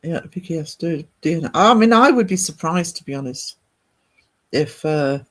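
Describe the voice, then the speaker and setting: A northern English man with a British accent hosts a livestream, chatting casually and rambling as he reads and answers viewers' comments. His voice is on the high side and a bit bright, animated, at a normal speed.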